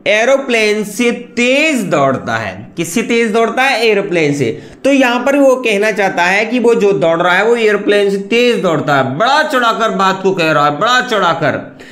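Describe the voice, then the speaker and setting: A man's voice: high voice, sing-song, normal speed, fairly bright tone, reverberant. A man hosting an online English class, explaining in a chatty way with rhetorical questions and lots of repetition. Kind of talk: explaining lesson.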